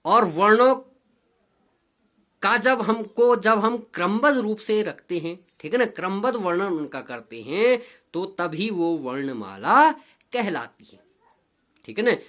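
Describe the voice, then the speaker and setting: A man's voice: sits high, lively intonation, bright, forceful tone. A male teacher explaining grammar step by step, who keeps checking with "ठीक है ना" and draws out vowels as he demonstrates them. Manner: drawn-out, sing-song vowel demonstrations. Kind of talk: grammar lesson.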